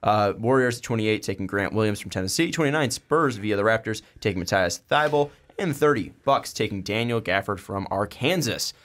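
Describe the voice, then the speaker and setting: A man's voice: fairly low pitch, expressive, fairly bright tone. Young man, podcast host, casual sports chat, blunt, filler-heavy. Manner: blunt, quick to laugh, fillers like uh.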